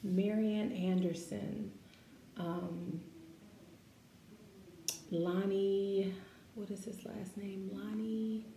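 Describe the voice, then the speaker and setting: With a mid-range voice, a woman reads from a picture book at a kids' story time, delivering it deliberately and with expression while chatting casually and asking the little ones questions. The recording has a roomy echo and a faint background hum.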